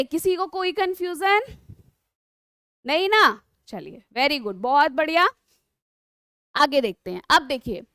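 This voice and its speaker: Woman teacher, really high voice, dry close sound, slow patient explaining, keeps asking the kids questions. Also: fairly bright tone, no echo. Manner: patient, drawn-out explaining with frequent rhetorical questions to students. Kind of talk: online exam-prep lesson.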